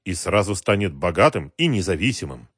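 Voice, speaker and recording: A man voicing a panicking middle-aged male security chief who yells orders. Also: low-pitched, very animated, brisk, breathy edge, no echo, clean studio sound, exaggerated voice. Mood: spiteful. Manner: shouting orders, furious and frantic.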